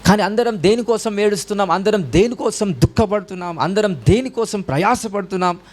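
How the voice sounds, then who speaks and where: A man preaching a sermon as a pastor, breaking into raised shouts of hallelujah. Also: sits high, fairly quick. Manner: preaching in Telugu mixed with English, with rising shouts of hallelujah.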